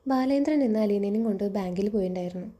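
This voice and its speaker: Blunt, chiding old grandmother over sixty read by a woman, mellow tone. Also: medium pitch, fast, lightly acted. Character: sharp-tongued old grandmother.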